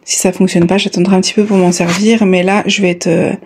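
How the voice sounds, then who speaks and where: A woman vlogger chatting casually to viewers, slightly short of breath, in a halting way with drawn-out pauses. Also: fairly low pitch, little pitch movement, darkish tone, a little hiss or hum. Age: adult, a parent of a child. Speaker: YouTube vlogger. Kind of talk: casual chat to viewers, unboxing.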